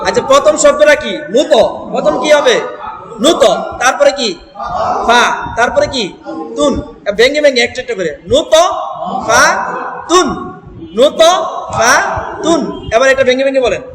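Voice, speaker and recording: A man teaching Quran reading in a classroom, breaking words into syllables, quizzing his students and chanting verses slowly. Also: very high voice. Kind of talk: classroom Quran recitation lesson. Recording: echoey hall with crowd.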